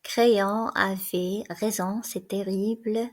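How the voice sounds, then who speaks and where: A woman reading a gruff, self-important male guard. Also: on the high side, lively intonation, normal speed. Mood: plodding.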